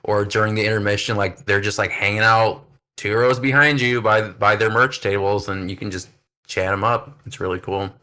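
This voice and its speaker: A man hosts a casual podcast chat, talking in an upbeat, rambling way full of fillers. His voice sits a little low but has a bright, forward ring. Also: steady tone, normal speed. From United States. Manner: chatty, upbeat, many fillers. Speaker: podcast host.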